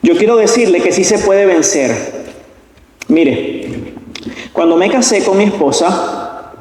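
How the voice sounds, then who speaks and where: A guest pastor preaching a sermon to a congregation, often asking them questions and acting out shouting quarrels in a high, strained voice. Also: male voice, expressive, slow pace, a little hiss or hum. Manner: asks the congregation frequent questions. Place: large church sanctuary. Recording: very echoey church hall.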